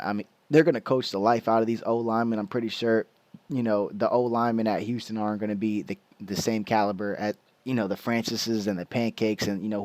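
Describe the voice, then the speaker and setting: A man's voice: on the low side, a little mellow, dry recording. A man giving a casual football film breakdown, loose and slangy, explaining plays with lots of restarts and the hiccups.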